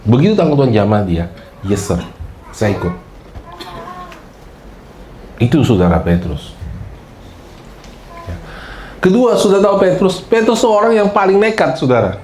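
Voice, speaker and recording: A man preaching a sermon as pastor, lively and joking, acting out the prayers he quotes and often addressing his listeners directly. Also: on the high side, normal speed, long pauses, a little hiss or hum.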